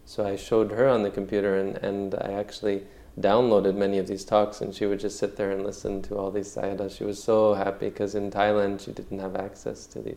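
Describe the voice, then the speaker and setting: A male meditation teacher answers questions in a calm, measured dharma-talk manner. His voice is low and gravelly, with a dark, mellow tone and very little rise and fall. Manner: calm, measured, frequent "you know".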